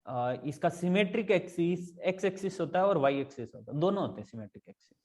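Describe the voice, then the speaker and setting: A man's voice: fairly high pitch, expressive, quick pace, darkish tone. A male math tutor explaining step by step in a casual tutoring lesson, often checking whether his students follow and mixing in English math terms.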